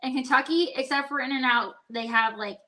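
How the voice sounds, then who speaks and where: A young woman from Virginia with a high, bright voice, rambling through casual livestream chat. She talks in loose, filler-heavy runs, often restarting her sentences. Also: normal speed. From Virginia, USA. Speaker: livestream co-host.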